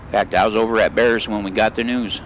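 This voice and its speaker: Middle-aged guy spinning folksy stories while driving in a game, low-ish voice, engine droning loud. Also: fairly even intonation, quick pace, a little hiss or hum. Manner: folksy, rambling drawl with country grammar. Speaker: gaming channel host.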